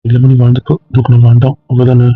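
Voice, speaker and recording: Guy playing a broken-down husband begging, talks fast, sounds like over a phone. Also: medium pitch, monotone, no room sound, phone-quality sound, close to an everyday voice. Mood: despairing. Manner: pleading, despairing. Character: grief-stricken young husband, guilt-ridden and pleading.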